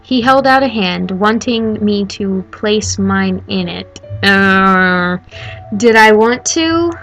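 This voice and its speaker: A woman reads a story game aloud as its heroine, slipping into animated, sarcastic asides to her viewers. Her voice sits in an average register, and faint game music runs underneath. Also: medium pitch, slow. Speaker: game streamer.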